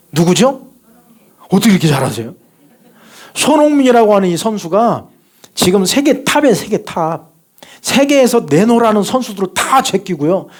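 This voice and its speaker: A male pastor delivering a sermon at a church service, his fairly high voice swinging up and down with great animation. He presses his points through emphatic, repeated exhortations to the congregation. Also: a little mellow.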